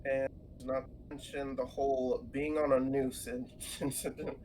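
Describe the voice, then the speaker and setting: A man's voice: medium pitch, level tone, a little slow, a little mellow, a little hiss or hum, rough recording. A man guesting on a stream, chatting casually with dry, laid-back comments and frequent laughs. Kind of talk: casual chat.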